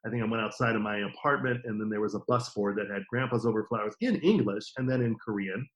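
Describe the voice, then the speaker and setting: A middle-aged man, a guest on a podcast, telling stories about his career in a casual, lively way and acting out the quotes. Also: lowish voice, quick pace, low-quality recording. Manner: lively anecdotes with acted-out quotes. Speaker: podcast guest, TV formats distributor. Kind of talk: casual interview storytelling.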